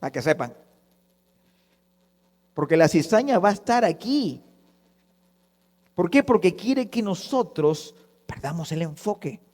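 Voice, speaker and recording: High-voiced pastor preaching in reverberant church. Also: male voice, very animated, unhurried, long pauses. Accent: Panamanian Spanish. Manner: fervent preaching, swinging between hushed and loud. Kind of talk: sermon.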